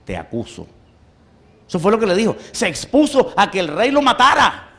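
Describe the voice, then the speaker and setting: A male pastor preaching a sermon, emphatic, swinging from loud exclamations to hushed asides and often breaking into praise. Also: high voice, sing-song, fairly quick.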